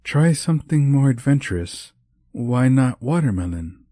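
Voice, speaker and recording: A man's voice: medium pitch, very animated, moderate pace, dark tone, no echo, clean studio sound, voice pushed up. A man voicing a playful young woman. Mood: lively. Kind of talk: audiobook character voice.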